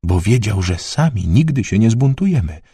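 Brief: tired old peasant man, read by a male narrator, low and husky, soft and hesitant. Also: big pitch swings, normal speed, no room sound, clean studio sound, heavily acted. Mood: worried. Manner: quiet, hesitant, half-whispered. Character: weary old male peasant, frail and anxious.

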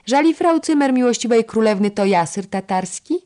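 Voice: medium pitch, steady tone, warm tone, close to an everyday voice. A narrator voicing a bold, clumsy young lady-in-waiting with cheeky outbursts in an old-fashioned storybook. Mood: teasing. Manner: cheeky, quick exclamations.

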